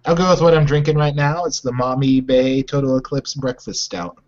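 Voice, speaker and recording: A man's voice: medium pitch, a little fast, a little mellow, highs cut off. A man in a casual podcast chat, laid-back and laughing along with his friends. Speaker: podcast guest.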